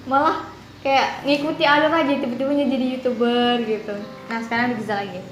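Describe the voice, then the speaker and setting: A woman's voice: high-pitched, fairly even intonation, fairly quick, reverberant, a little hiss or hum, poor audio. A cheerful young woman from Indonesia, co-hosting a casual reaction video. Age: young adult. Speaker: co-host.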